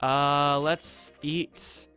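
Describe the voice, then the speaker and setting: A young man giving casual gameplay commentary, chatty and thinking aloud, with excitable reactions. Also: on the high side, very slow, clear, resonant tone, soft background music. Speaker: let's play host. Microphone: desktop USB condenser mic.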